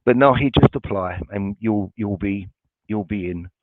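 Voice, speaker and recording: Over a dry, tinny, phone-like line, a lowish, unhurried male voice from a college staff takes viewers' webinar questions. His answers are informal and reassuring, peppered with ums and false starts.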